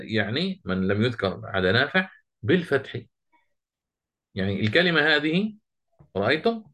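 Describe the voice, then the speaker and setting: A man teaching a Quran recitation lesson, quizzing his students and chanting the verses he quotes slowly. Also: medium pitch, a bit bright.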